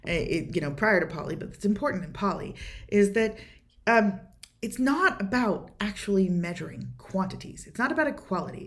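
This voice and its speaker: Earnest woman with a gravelly voice. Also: medium pitch. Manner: earnest, rambling with many fillers and restarts. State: choked up with emotion at times. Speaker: podcast host answering a listener question. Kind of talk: casual personal monologue.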